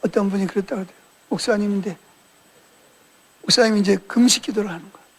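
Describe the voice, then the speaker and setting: A man's voice: sits high, quick pace, fairly bright tone. A male pastor preaching a sermon in a colloquial storytelling way, acting out quoted dialogue as he retells events.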